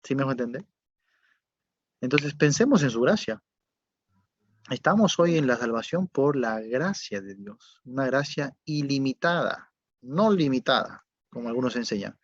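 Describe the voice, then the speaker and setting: A male pastor with a mid-pitched voice preaches at a moderate pace and with lively intonation, asking rhetorical questions and adding tag checks to be sure listeners are with him. His volume swings between loud and soft, and the recording is dull, lo-fi and dry, with no echo.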